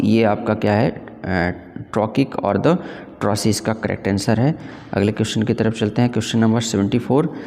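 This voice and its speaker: A man teaching an exam-prep English literature lesson, reading questions slowly and explaining in Hinglish with rhetorical questions. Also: medium pitch, darkish tone, long reverb tail.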